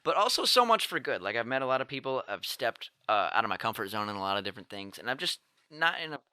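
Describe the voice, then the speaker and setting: A man's voice: mid-range voice, sing-song, fast talker, bright, forceful tone, clean tone, no echo. A man chatting casually while he paints, laughing often, swearing and rambling. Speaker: co-host. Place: home room with an open window.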